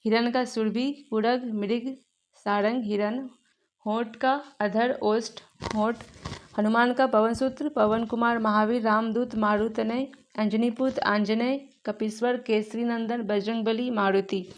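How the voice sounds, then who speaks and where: A woman's voice: a little high, steady tone, a little hiss or hum. A young woman teaching an exam revision class, reading long word lists aloud with brief asides to her students. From Bihar, India. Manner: rapid listing of words, brief asides to students.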